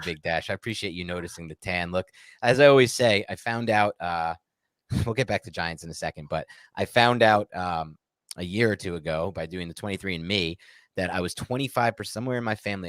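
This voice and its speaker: Low-voiced and a bit bright, an American co-host talks a little fast in a casual live Q&A on American football. His rambling, opinionated chat is emphatic, recorded with no room sound.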